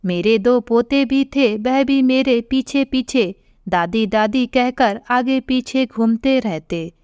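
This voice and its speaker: A woman voicing a frail elderly widowed mother who speaks softly and tearfully in an audio story. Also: fairly high pitch, slow, smooth, no echo, highs cut off. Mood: sorrowful.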